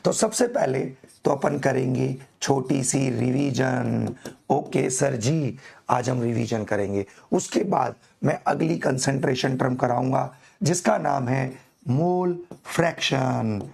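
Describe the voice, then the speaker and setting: A man, hoarse from a throat infection, teaching a live online chemistry class slowly and coaxingly, calling students "beta". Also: mid-range voice, lively intonation, a little mellow. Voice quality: gravelly, echoing double voice. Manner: slow, coaxing, calls students "beta", laughs at himself.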